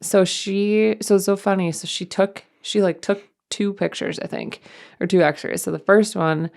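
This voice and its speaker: A woman's voice: mid-range voice, steady tone, normal speed, creaky, a little mellow. A woman co-hosting a podcast, chatting casually as a mother in a rambling way with lots of fillers. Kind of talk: casual chat.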